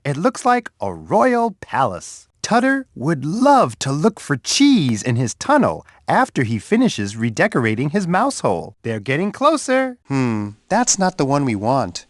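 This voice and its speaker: A man voicing Bear, a big, friendly bear who guides young children through an edutainment game, talking to them warmly and patiently. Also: fairly high pitch, huge pitch swings, measured pace, few pauses, no echo, studio quality. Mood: friendly, coaxing. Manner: warm, patient, talks straight to a young child. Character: big friendly male bear host, gentle and encouraging.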